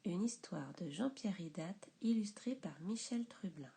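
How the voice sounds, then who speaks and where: A woman reading a picture book aloud to young children, expressive and soft in places. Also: medium pitch, measured pace, husky.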